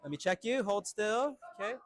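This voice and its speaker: A male fencing instructor running a live drill with crisp, short commands and encouraging words. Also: high voice, animated, fairly quick, no echo.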